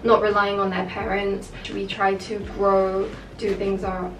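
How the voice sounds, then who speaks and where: A young adult woman vlogger, half Japanese and raised in the UK, chats candidly to camera with plenty of filler words. Her medium-pitched voice is monotone and unhurried. The far camera mic catches an echoey, noisy room from a distance.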